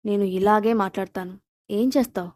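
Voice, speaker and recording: A woman voicing a calm, defiant young wife who speaks in a cool, unbothered way. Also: medium pitch, brisk, dry recording, studio quality, natural voice. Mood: cool threat.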